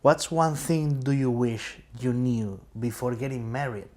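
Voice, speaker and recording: A man's voice: mid-range voice, measured pace, a little mellow. A man interviewing a church leader, asking short questions and murmuring agreement. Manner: brief questions, frequent affirming murmurs. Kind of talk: casual interview.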